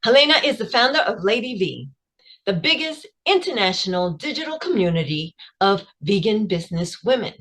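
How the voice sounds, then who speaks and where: A woman's voice: medium pitch, big pitch swings, moderate pace, a bit bright. Upbeat woman hosting a podcast. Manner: upbeat scripted introductions, short prompts. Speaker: podcast host.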